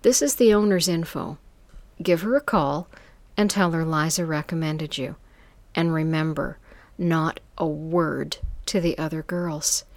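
A woman voicing a hurried, secretive young woman student who asks for discretion. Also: deep voice, dry recording.

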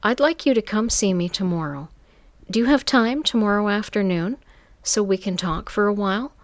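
A woman voicing a sultry grown woman who runs a phone business, speaking smoothly and coaxingly. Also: mid-range voice, normal speed, dry recording, voice pushed up, natural voice. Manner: smooth, coaxing, calls people dear.

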